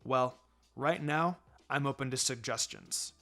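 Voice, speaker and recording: Someone doing Sasuke, a low, brooding ninja boy. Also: a little slow, creaky, sharp tone. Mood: terse. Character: brooding, irritable twelve-year-old ninja boy, Sasuke.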